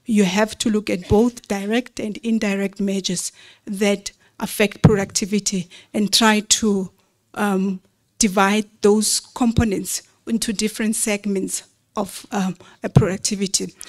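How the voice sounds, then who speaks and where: A woman gives an explanatory slide presentation at a convention, speaking in a measured, didactic way and posing rhetorical questions. Her voice is mid-range and steady.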